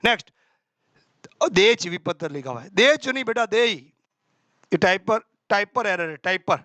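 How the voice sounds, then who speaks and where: A male teacher running a quick exam-prep accounting class, quizzing himself aloud and answering in a student's voice, with homely examples. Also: high voice, big pitch swings, pushed and bright, no room sound. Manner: brisk and colloquial, with homely examples.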